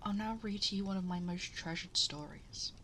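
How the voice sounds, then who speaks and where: A woman playing a gentle, motherly, ageless cosmic princess in an ASMR bedtime roleplay, speaking tenderly and reassuringly, often in a breathy half-whisper, close to the microphone. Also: lowish voice, normal speed, slight background noise. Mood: tender, storytelling. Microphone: close binaural 3Dio microphone.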